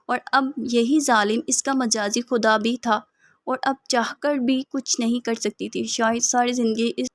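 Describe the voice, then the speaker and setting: A woman's voice: a little high, steady tone, no echo. Dry close female novel narrator. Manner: emotive, with small slips and restarts. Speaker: audiobook narrator.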